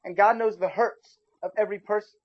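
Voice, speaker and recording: A man giving an informal sermon as a youth pastor, chatting casually with his listeners and adding animated asides. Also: sits high, a little fast. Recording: dull lo-fi recording.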